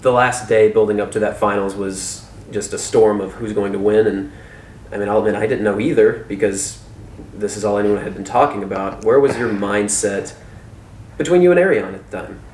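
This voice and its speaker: Low-voiced guy interviewing, kinda hesitant, sounds far from the mic in an echoey room. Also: fairly quick, a little mellow, slight background noise. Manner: searching for words, hesitant questions. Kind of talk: casual interview.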